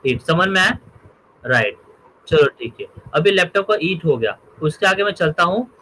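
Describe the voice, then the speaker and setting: A man teaches grammar in a high, bright voice. He works through examples and keeps asking whether his students have understood. There is a faint hum behind him. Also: lively intonation, moderate pace, low-quality recording. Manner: checks understanding often, explains by examples. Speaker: English teacher. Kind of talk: spoken grammar lesson.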